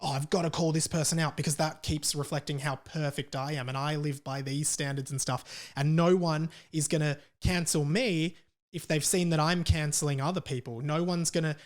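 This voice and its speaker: An Australian man hosts a podcast solo, chatting casually in a rambling, opinionated, sweary way. His voice is on the high side, with fairly even intonation and a moderate pace.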